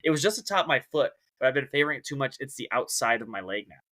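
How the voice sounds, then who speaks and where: A man of middle pitch with a bright, forceful tone, chatting as a podcast co-host. He tells his stories in a rambling, self-deprecating way and keeps restarting his sentences. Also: expressive, very fast. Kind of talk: casual chat.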